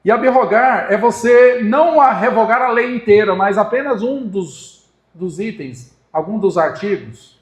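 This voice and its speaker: A man with a Brazilian Portuguese accent preaching a sermon in a church, emphatic and building to forceful peaks as he argues his point. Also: high voice, lively intonation, unhurried. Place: church hall. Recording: echoey church hall.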